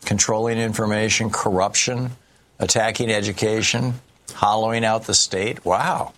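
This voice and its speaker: Low-voiced male call-in host. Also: steady tone, normal speed, fairly bright tone. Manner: brief, affirming interjections. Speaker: radio call-in show host. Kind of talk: casual call-in chat.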